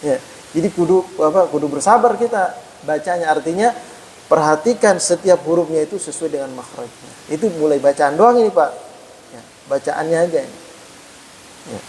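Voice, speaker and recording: Man, Islamic teacher, fairly high voice, conversational mosque lecture, frequent "ya" filler, slow careful Arabic pronunciation, faint hiss. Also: expressive, a little mellow, low-quality recording. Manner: punctuates phrases with a frequent "ya"; demonstrates Arabic letter pronunciation slowly.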